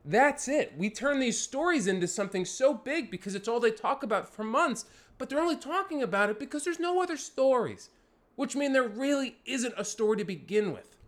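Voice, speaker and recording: A man's voice: very high voice, expressive, brisk. A man hosting a podcast alone, rambling through a profane comedic rant. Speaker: podcast host.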